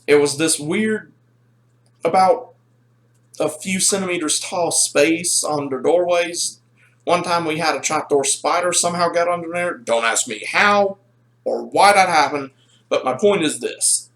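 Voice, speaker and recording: A man telling a rambling, animated story in a casual toy review. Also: fairly high pitch, a little slow.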